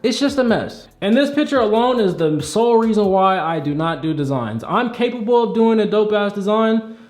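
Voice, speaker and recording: A man's voice: high-pitched, animated, normal speed, darkish tone. A man hosting as a barber, giving blunt, teasing, slangy critique to viewers in a casual conversational way. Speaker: barber and video host reviewing haircut photos. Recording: echoey room.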